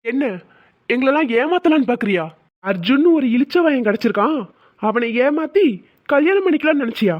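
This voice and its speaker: A woman's voice: high voice, lively intonation, brisk, no room sound, highs cut off. A woman voicing an angry young man who harshly accuses his fiancée in a cartoon. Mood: scornful.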